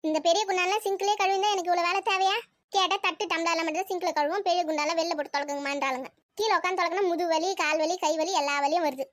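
A woman's voice: very high voice, fairly even intonation, rapid-fire. A woman in a comic family skit, grumbling and complaining about chores.

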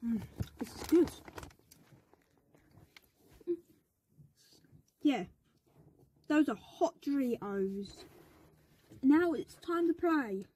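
A woman's voice: sits high, lively intonation, very slow, long pauses, warm tone. A woman narrating a playful game vlog, adding silly sound effects and baby talk. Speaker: game vlogger.

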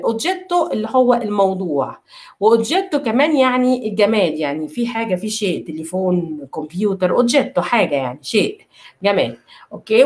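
A woman with an Egyptian Arabic accent teaching an Italian pronunciation lesson. She repeats each word slowly and keeps checking that her students follow. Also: mid-range voice, darkish tone.

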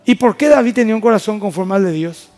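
A pastor with a Paraguayan Spanish accent delivers his sermon in a notably high voice for a man. He preaches emphatically and keeps asking his congregation questions. Soft music sits faintly behind him. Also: quick pace. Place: church service.

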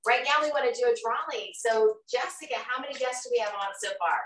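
A woman's voice: a little high, fast talker. A middle-aged woman hosting a live online show from a large kitchen, bubbly and addressing her viewers. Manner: bright, bubbly, audience-engaging. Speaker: host. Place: large home kitchen, indoors. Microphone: camera across the room. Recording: roomy sound from a distant camera mic.

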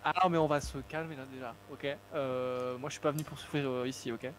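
A man's voice: mid-range voice, fairly even intonation, fast talker, slight background noise. A man co-hosting a live stream, bantering and arguing jokingly in casual chat. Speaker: stream co-host. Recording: faint music in background.

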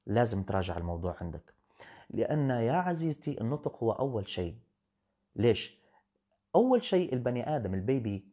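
A man's voice: on the low side, warm tone, husky. Firm lecturing man. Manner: firm, lecturing, switches into English. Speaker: English teacher. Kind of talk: live-stream talk answering comments.

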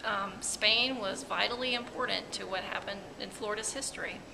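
A woman's voice: mid-range voice, moderate pace. Hesitant woman curator, echoing hall. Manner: hesitant, many ums, informative. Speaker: museum curator. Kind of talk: interview answers. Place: large museum exhibit hall, indoors. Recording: reverberant hall with clear background noise.

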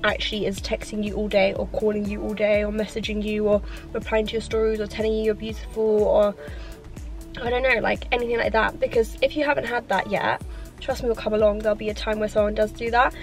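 A woman's voice: mid-range voice, little pitch movement, fast talker, soft background music. Chatty young woman eating. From London, England. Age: 20s. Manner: chatty, leans on "like" constantly; talks while eating, mouth sometimes full. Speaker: YouTuber. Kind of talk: casual mukbang Q&A chat.

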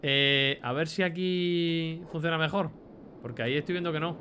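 A man's voice: fairly high pitch, normal speed, noisy background. A young man with a Spain Spanish accent giving chatty let's play commentary, swearing casually and reading item names aloud. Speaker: gameplay commentator.

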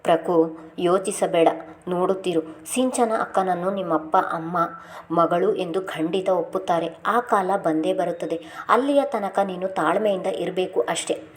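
A woman's voice: lowish voice, a little slow, natural voice. A woman reading as a frustrated young husband. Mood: soothing. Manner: pleading, scolding. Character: exasperated young husband pleading with his wife.

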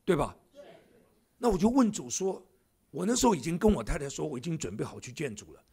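A man's voice: fairly high pitch, sing-song, quick pace, mellow, breathy edge. A man in his seventies, a church elder, preaching a sermon in a church with jokey asides to the congregation. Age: 70s.

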